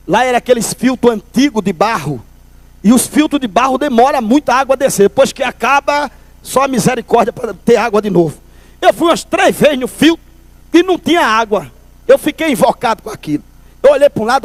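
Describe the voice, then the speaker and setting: Guy w a doing a funny church testimony, really high voice, dry sound. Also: no room sound. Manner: lively storyteller, calls listeners brother. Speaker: testimony speaker at a church service. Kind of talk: humorous testimony storytelling.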